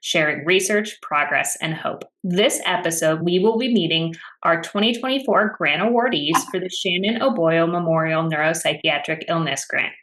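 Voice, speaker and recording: A woman in her thirties hosts a podcast over a webcam from a room at home, her voice sitting a little low. She introduces guests and asks questions in a friendly, upbeat way. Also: fairly bright tone. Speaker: podcast host. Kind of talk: podcast interview hosting. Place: home room with framed pictures, indoors. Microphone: video call webcam.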